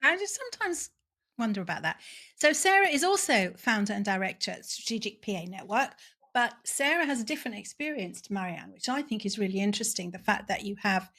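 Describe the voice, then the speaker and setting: A woman's voice: mid-range voice, animated, a little fast, pushed and bright. A woman hosting a podcast interview, chatty and enthusiastic, with a self-deprecating humour. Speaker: podcast host.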